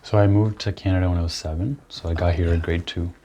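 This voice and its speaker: Calm, low-voiced young male guest. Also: fast talker, muffled recording, slight background noise. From Nepal. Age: young adult. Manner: calm, reflective, thoughtful. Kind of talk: casual interview.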